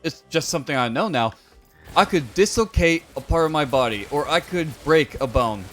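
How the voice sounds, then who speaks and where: A man's voice: a little high, lively intonation, moderate pace, a bit bright, soft background music. A young adult man streaming a game, telling rambling, joking stories to his viewers with plenty of filler words. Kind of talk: casual chat with stream viewers.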